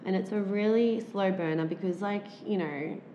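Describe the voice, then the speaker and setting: A woman intimacy coach chatting as a podcast guest, enthusiastic and animated, often affirming the other speakers. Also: mid-range voice, normal speed, dull audio, slight background noise. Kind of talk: casual podcast chat. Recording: roomy echo.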